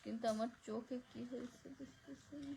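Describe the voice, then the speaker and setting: Soft-spoken woman with a gravelly voice. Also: fairly high pitch, steady tone, fairly quick, slight background noise, rough recording. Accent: Barishal Bengali. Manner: reads comments aloud and thanks viewers by name. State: speaking softly because of neck pain. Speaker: live-stream host reading viewer comments. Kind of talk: casual live-stream chat.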